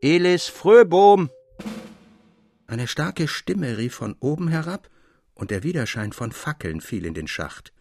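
A man's voice: mid-range voice, big pitch swings, moderate pace, gravelly, faint music behind. Man reading a literary tale aloud. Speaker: reader.

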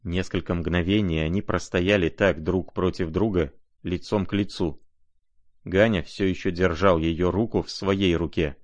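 Низкоголосый чтец, сухая запись. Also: male voice, low voice, fairly even intonation, normal speed, no echo. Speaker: audiobook narrator. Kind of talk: scripted novel narration.

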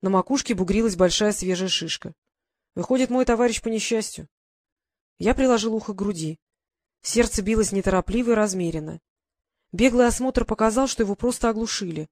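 A woman narrating a first-person adventure novel in an even, measured storytelling manner. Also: mid-range voice, dry recording, clean studio sound. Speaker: audiobook reader.

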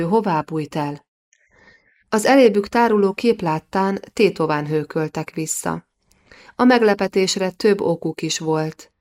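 A woman narrating a historical novel as an audiobook, reading in a measured, even way. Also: fairly low pitch. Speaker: audiobook reader.

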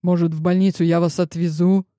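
A woman reading an audiobook and voicing a stern middle-aged male boss who talks in a gruff, curt way. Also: lowish voice, level tone, brisk, mellow, dry recording, clean studio sound, close to an everyday voice.

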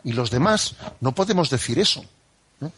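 A man from Spain, a priest explaining the catechism on a radio program, who talks in an unhurried, conversational way and keeps checking in with "¿eh?" and "¿no?". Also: mid-range voice, lively intonation, a bit bright, slight background noise. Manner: unhurried and conversational, full of "¿eh?" and "¿no?" tags. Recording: dry studio radio broadcast.

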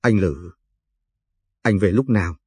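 A man reading a storybook voices a timid young girl who speaks in a hushed, quiet way. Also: low-pitched, takes it slowly, husky, no echo, clean studio sound, heavily acted. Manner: hushed, whispering.

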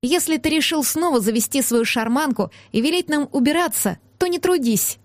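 A woman's voice: high voice, animated, normal speed, dry recording, clean studio sound, voice pushed up. A woman voicing a stubborn, fiery young woman who talks back in snappy, indignant lines. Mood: defiant.

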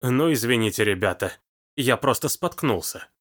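A man's voice: medium pitch, expressive, normal speed, a bit bright. A man voicing an irritable agent in charge who talks in a curt, officious tone, in an audiobook.

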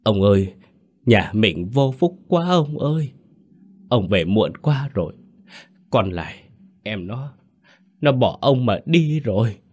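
A man's voice: lowish voice, expressive, moderate pace. A man voicing a scheming second wife who fakes choked, sobbing grief in a spoken horror story. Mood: tearful wailing.

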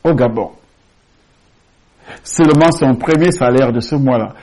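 A man's voice: mid-range voice, unhurried, warm tone, low-quality recording. A man preaching a sermon as pastor, telling a testimony in an emphatic storytelling manner and repeating key phrases for weight. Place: large rented church hall.

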